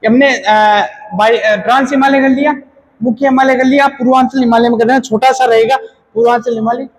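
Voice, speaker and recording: A teacher with a very high-pitched voice gives an exam-prep lecture in a casual, explaining tone, brisk and with fairly even intonation, though the audio is poor. He drills key terms by turning them back into questions and frequently pauses to correct his own slips.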